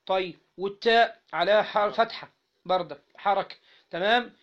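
Here an Egyptian-accented man teaches Arabic grammar, with a high-pitched and somewhat bright voice, on a dull lo-fi recording. He keeps quizzing the class and carefully spells out syllables one by one.

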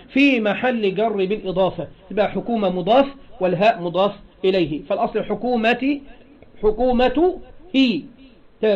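High-voiced Egyptian teacher quizzing his class. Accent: Egyptian Arabic. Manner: repeats phrases and prompts the class with questions. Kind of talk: classroom grammar lesson. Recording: dull lo-fi classroom recording.

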